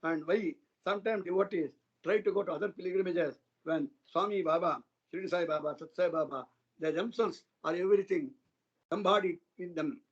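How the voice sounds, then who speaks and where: This satsang speaker has a high, breathy-edged voice and moves at a fairly quick clip. He tells saints' stories earnestly and loosely as devotional discourse, captured in dull, low-fidelity online audio.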